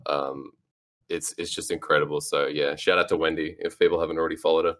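A man with a low, deep voice that has a forceful, bright edge. He talks in casual panel chat as an esports analyst, rambling through long takes with lots of fillers and restarts. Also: little pitch movement, fast. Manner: rambling, filler-heavy, apologizes for ranting.

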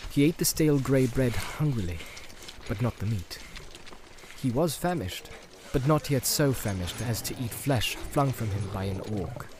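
A man reading a fantasy audiobook as narrator, in a measured, dramatic storytelling manner. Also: mid-range voice, noisy background. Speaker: audiobook reader.

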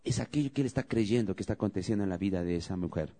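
A man's voice: sits low, very fast, warm tone. A man preaching a sermon as pastor, calling out questions to the congregation and leading prayer with rising emphasis.

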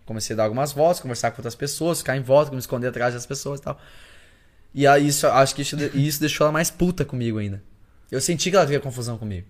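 Fast-talking man telling a story. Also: medium pitch. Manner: animated storyteller, heavy slang. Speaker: singer and musician, podcast guest. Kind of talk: casual chat, telling a story.

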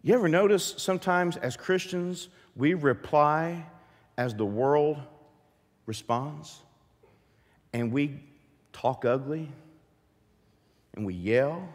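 A pastor preaching a sermon to his church, lively and full of questions to the congregation. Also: fairly high pitch, takes it slowly, long pauses, big-room sound. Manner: animated, asks the congregation many questions. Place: church sanctuary.

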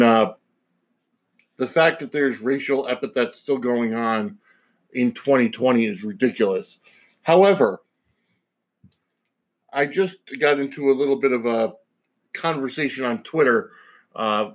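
A man's voice: mid-range voice, normal speed. A man hosting a podcast alone, giving a casual opinion monologue in a rambling, digressive way. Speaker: podcast host.

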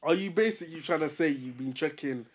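A man's voice: on the high side, fast talker. A young man with a London roadman accent, co-hosting a podcast in casual street slang. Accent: London, roadman street style. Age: young adult. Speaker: podcast co-host.

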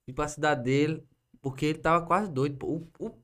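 A man's voice: a little high, brisk. Rambling Brazilian man telling a story. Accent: Brazilian Portuguese. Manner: rambling and lively, tags phrases with "né?" and "pô". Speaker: podcast guest. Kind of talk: casual storytelling on a podcast.

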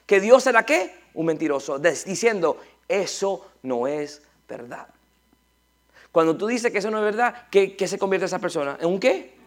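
A man preaching a sermon. He is animated, repeats words and asks rhetorical questions. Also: high voice, a little fast.

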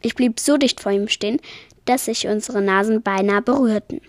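A woman reading a children's story aloud with calm, soft-spoken narration. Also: mid-range voice, normal speed, no room sound, clean studio sound. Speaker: podcast storyteller.

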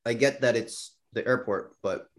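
A man co-hosting a podcast in casual chat, rambling and laughing, with some vocal fry. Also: mid-range voice, normal speed. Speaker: podcast co-host.

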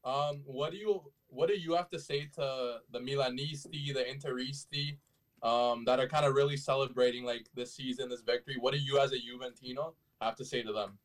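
A man's voice: mid-range voice, steady tone, fairly quick, distant mic, poor audio. A man in a casual sports debate, pressing others with challenging questions.

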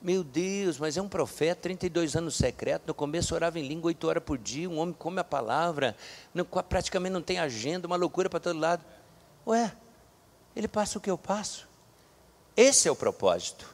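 A pastor in his sixties preaching a sermon, folksy and joking, rising to fervent shouts. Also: on the high side, lively intonation, a little fast. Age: 60s. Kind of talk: lively sermon with storytelling.

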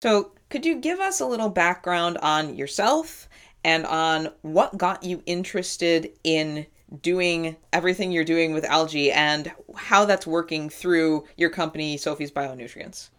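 A woman's voice: deep voice, measured pace, a bit bright. Upbeat woman podcast host. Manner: upbeat, self-described nerdy enthusiasm. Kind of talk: scripted podcast intro and interview.

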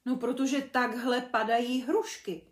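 A patient mother bumblebee explains things gently, as a woman voices her. Her tone stays calm and kind. The room around her is echoey. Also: on the high side, lightly acted. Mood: gentle.

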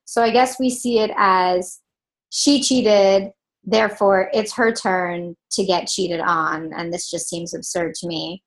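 A woman's voice: mid-range voice, steady tone, slow. A woman hosting a podcast as a sexologist, giving candid, emphatic solo commentary with the odd dry laugh.

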